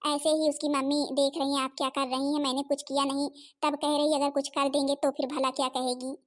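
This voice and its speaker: A woman's voice: little pitch movement, a little fast, close to an everyday voice. Woman doing a pleading, meek daughter-in-law. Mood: earnest. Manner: pleading, high and anxious. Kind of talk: Hindi cartoon voice acting.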